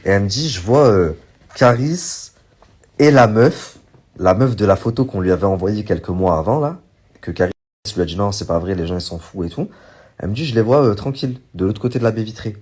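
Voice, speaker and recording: Guy gossiping to his viewers, kinda husky, rambles a lot, perks up when quoting people. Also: lowish voice, brisk. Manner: rambling, many fillers, quotes others in animated bursts. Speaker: online commentator recounting a story. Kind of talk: casual storytelling to viewers.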